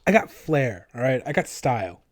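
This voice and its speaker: Animated, sarcastic man commentating a game. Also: medium pitch, normal speed, no room sound, studio quality. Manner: sarcastic, joking, sweary. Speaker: let's play host. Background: game music.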